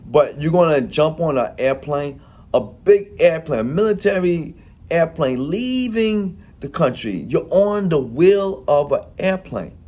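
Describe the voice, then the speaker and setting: A man delivering an emphatic opinion monologue with a somewhat high voice. He talks informally and keeps throwing rhetorical questions at his listeners. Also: lively intonation, a little slow, mellow. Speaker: commentator.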